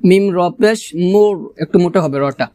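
High-voiced Bangladeshi man teaching Quran recitation. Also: no echo, clean studio sound. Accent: Bangladeshi Bengali. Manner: alternates quick explanations with slow, drawn-out recitation. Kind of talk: Quran pronunciation lesson.

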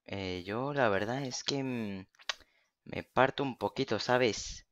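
A young man talks through his survival game as he plays. He keeps repeating himself in exasperated disbelief, and his voice sits at an ordinary middle pitch. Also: slow pace, fairly bright tone, dry recording, lo-fi sound. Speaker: gaming youtuber. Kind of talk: Minecraft let's play commentary.

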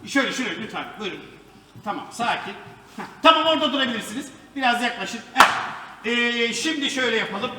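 A man on stage playing a flustered psychiatrist who keeps calming unruly patients in a stage comedy. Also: extremely high pitch, quick pace, heavily acted. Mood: patronizing. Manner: soothing, exasperated repetition. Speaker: stage actor. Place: theatre stage. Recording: echoey hall, mic far off, noise.

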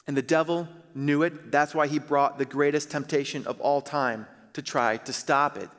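Man in his 30s, pastor, emphatic sermon, slightly high voice, long hall reverb. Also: steady tone, fairly bright tone. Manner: earnest, emphatic preaching with slowed, stressed phrases. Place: large church stage, indoors.

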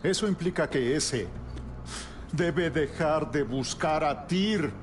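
A very old god king from a video game, sly and menacing. His voice sits slightly high and moves widely in pitch as he bargains in measured, pointed phrases. There is clear noise behind him. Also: lively intonation. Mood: coaxing. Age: older. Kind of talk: dramatic video game cutscene acting.

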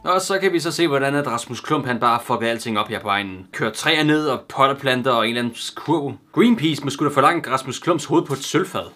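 A man's voice: mid-range voice, hardly any pauses, bright, forceful tone, faint music behind. A man giving crude, sarcastic comic commentary while reading a children's book aloud as a YouTuber.

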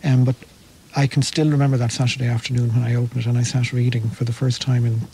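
A man's voice: medium pitch, level tone, quick pace, vocal fry, warm tone, slight background noise, low-quality recording. A man talking as a guest in a radio interview, enthusiastic and anecdotal. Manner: enthusiastic, anecdotal, slight restarts. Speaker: literary researcher guest.

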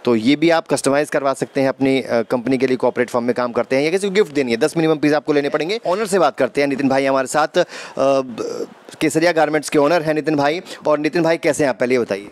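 A man in his thirties hosting a tour of a wholesale shop, holding a handheld mic indoors and repeating prices back to viewers in a lively way. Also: mid-range voice, fast talker. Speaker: host showing a wholesale shop. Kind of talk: energetic shop-tour presenting. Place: indoor garment shop and office.

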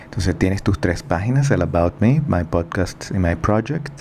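A man as a teacher giving recorded feedback on a student's project, calm and methodical, thinking aloud with fillers. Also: deep voice, unhurried, slight background noise.

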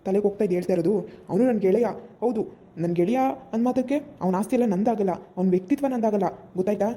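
A woman's voice: mid-range voice, warm tone, natural voice. A woman playing a young village husband who scolds his wife, then coaxes her to get up, in a comic village skit. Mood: scolding. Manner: brisk, scolding, then coaxing.

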